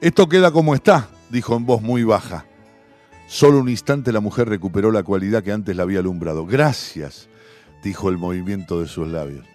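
A man with a Rioplatense accent narrating a short story in a measured, expressive way. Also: sits low, faint music behind. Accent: Rioplatense Spanish. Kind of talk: audiobook story reading.

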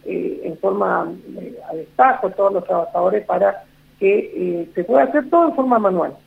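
Argentine man, gravelly voice, reassuring official tone, lots of fillers, tinny phone-line sound. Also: sits high, normal speed. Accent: Argentine Spanish. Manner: reassuring, repetitive, many fillers. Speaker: executive director of a health insurer, guest. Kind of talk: radio phone interview.

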